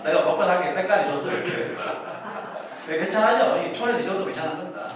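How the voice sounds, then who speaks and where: A man's voice: high-pitched, lively intonation, fast talker, very noisy. A man giving a chatty public lecture, joking and quizzing his audience. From Korea. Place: lecture hall. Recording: very echoey hall, voice from far off.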